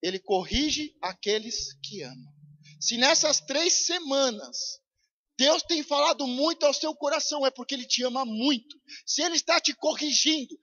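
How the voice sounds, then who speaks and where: A male pastor preaching a fiery sermon at a church service, swinging from shouted urgent pleas to low intense tones, with a São Paulo Brazilian accent. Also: dull audio. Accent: Brazilian Portuguese, São Paulo.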